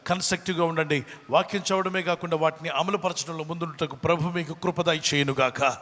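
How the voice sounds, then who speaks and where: A man's voice: a little high, steady tone, fairly quick, fairly bright tone. A man preaching a sermon earnestly, with homely examples, who builds into fervent prayer. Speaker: pastor. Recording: long hall reverb with faint music.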